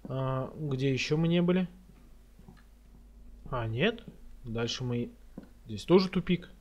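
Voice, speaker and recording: A man's voice: medium pitch, lively intonation, slow, a little mellow, a little hiss or hum. A man giving casual commentary on a horror game playthrough as a scared, jumpy streamer who mutters and swears as he reacts.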